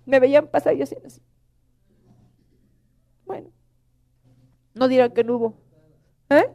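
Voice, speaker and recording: A woman's voice: sits high, animated, unhurried, mellow, lo-fi sound. A middle-aged woman preaching a sermon, emotional and pleading, often calling out to the congregation.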